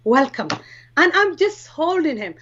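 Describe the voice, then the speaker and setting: A woman with a Somali accent, English being her second language, recounts her faith story to an interviewer. Her voice sits high and carries heartfelt, earnest emotion, lifting sharply when she acts out what others said. The sound is somewhat dull and lo-fi. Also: animated, normal speed, slight background noise. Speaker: interview guest. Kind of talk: personal faith testimony.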